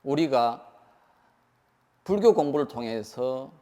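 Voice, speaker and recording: A man's voice: medium pitch, animated, slow pace, dark tone, in a large hall. A man giving a Buddhist sermon. He keeps asking the audience questions and acts out the lines he quotes. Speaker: Buddhist monk preaching.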